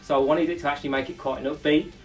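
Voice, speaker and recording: A man's voice: a little high, steady tone, rapid-fire, distant mic, soft background music, rough recording. A male lead singer talking casually about recording a song, rambling with lots of fillers and restarts.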